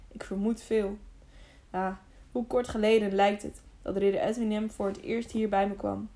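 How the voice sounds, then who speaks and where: A woman reading an old male hermit in an audiobook, speaking softly and solemnly. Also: mid-range voice, level tone, moderate pace, lightly acted.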